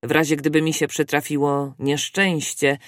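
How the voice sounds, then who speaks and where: A reader voicing a calm, composed English gentleman who speaks in a measured, even way. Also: mid-range voice, no echo, studio quality, natural voice. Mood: calm resolve. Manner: measured and cool.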